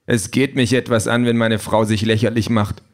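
A man's voice: on the low side, little pitch movement, moderate pace, natural voice. A man voicing a domineering, status-obsessed husband who talks in a blustering, threatening way.

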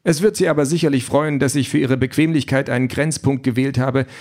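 A man's voice: medium pitch, fairly even intonation, brisk, darkish tone, voice pushed up, lightly acted. A man voicing a fussy, overly formal self-driving car that is eager to please. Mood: prim, polite.

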